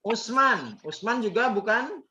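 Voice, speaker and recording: A very high-pitched Islamic teacher with a sharp tone keeps a measured pace while teaching Arabic grammar, having students repeat words and answer quiz questions in call-and-response. Echoey, dull lo-fi audio with faint noise.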